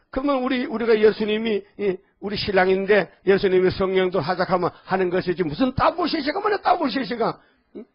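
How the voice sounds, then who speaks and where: A man preaching a sermon in a folksy, rambling way, often calling out to the congregation with quick questions. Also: high-pitched. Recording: dull lo-fi audio.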